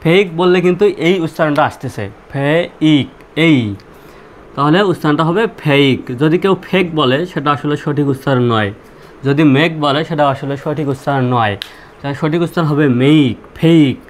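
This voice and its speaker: Man giving a slow, repetitive language lesson. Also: fairly high pitch, a little hiss or hum. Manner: slow and repetitive, asking questions and answering them himself. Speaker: English teacher.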